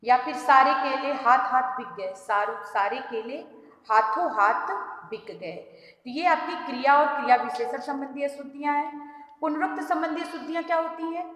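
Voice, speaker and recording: A woman teacher giving a grammar lesson, explaining slowly, repeating examples and speaking to the children. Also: high-pitched, a bit bright. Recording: echoey room with long reverb.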